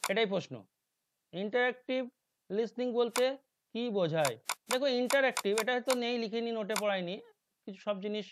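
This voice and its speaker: Bengali-accented male teacher with slow, muttering explanations. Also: a little hiss or hum. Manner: explains slowly, reads English options aloud slowly, drops to low mutters. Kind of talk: exam-prep lecture. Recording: dull dry lo-fi recording.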